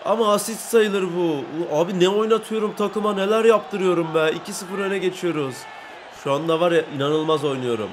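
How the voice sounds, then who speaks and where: Excitable high-voiced young man gaming. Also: a little fast, noisy background. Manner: excitable, bursts into shouts and sing-song chants at goals; brags and grumbles at teammates. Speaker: gamer playing a football video game. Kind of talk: live gameplay commentary.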